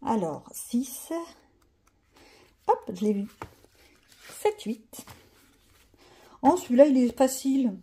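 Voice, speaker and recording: A woman's voice: fairly high pitch, very animated, slow pace, long pauses, warm tone, slightly rough. A woman chatting casually to her viewers while she colors, thinking aloud and joking about herself. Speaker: coloring vlogger.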